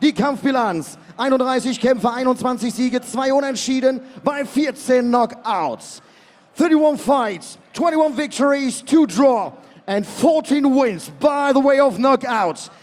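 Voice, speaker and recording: A man with a very high voice announces a boxing match through the arena speakers, stretching his words into booming calls. Long reverb hangs around every phrase, the sound of a big indoor hall. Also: a little slow, a little mellow. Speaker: ring announcer. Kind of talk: bilingual boxing ring announcement.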